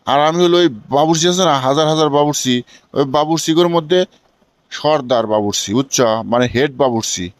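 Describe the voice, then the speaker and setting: A man's voice: a little high, fast, slight background noise, lightly acted. A man playing a foolish, boastful, lovestruck young villager in a comic cartoon, emphatic and colloquial, with a Bangladeshi regional accent. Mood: dreamy, boastful. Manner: emphatic, keeps checking he is understood.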